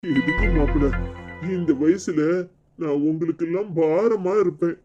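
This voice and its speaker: A man's voice: fairly high pitch, normal speed, natural voice. A man voicing a grieving older father-in-law in a cartoon serial, speaking with a Tirunelveli Tamil accent in a sorrowful, pleading way. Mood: moved. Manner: sorrowful, pleading, heavy with guilt. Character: grieving elderly father-in-law, shamed and tearful. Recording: dull lo-fi track with faint music.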